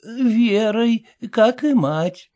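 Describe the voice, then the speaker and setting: A man voicing a solemn, stern elderly woman who speaks slowly and grandly. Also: animated, dark tone, heavily acted. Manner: slow, high, stately delivery.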